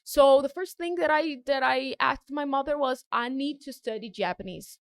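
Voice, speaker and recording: Speaking at normal speed in a voice that sits high, a young woman with a Brazilian Portuguese accent, a singer, is a guest in a casual interview. She laughs frequently and keeps restarting her sentences, captured in clean studio sound without echo.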